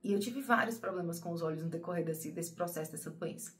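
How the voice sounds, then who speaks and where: A woman's voice: lowish voice, fast talker. A woman talking to her viewers in a personal, emotional monologue. She rambles, repeats herself and often calls her audience "gente". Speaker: spiritual channel host.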